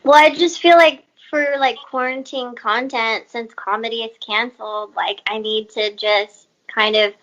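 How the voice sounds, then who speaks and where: A woman with a high voice talks in a relaxed, hesitant way, trailing off and filling gaps with "like" and "um". She chats over a video call in loose comedic banter. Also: measured pace, few pauses, highs cut off. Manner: laid-back, hesitant, many fillers.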